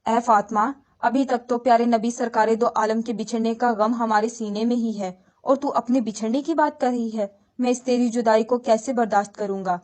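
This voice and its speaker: Heartbroken husband begging his wife to explain, gentle and weepy, told by a woman storyteller. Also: a little high, fairly even intonation, few pauses, natural voice. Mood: anguished. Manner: anguished, gentle questioning. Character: grieving devoted husband, weeping man.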